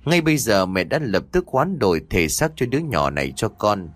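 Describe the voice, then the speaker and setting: Man reading as a cold vengeful witch woman, low menacing voice. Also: sing-song, normal speed, a bit bright, dry recording.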